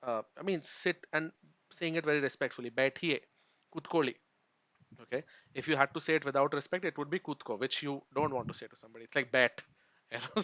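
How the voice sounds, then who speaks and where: Fast-talking male teacher. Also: mid-range voice, a bit bright, dry recording. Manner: quick, casual explaining with many fillers. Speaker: language teacher. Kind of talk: live-streamed online class. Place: Bangalore.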